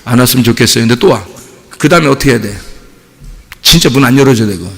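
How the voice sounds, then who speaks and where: A male pastor preaching a sermon, lively and talkative, acting out little everyday scenes as he goes. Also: medium pitch, quick pace, vocal fry, long reverb tail. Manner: animated, acts out little scenes and voices. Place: church sanctuary.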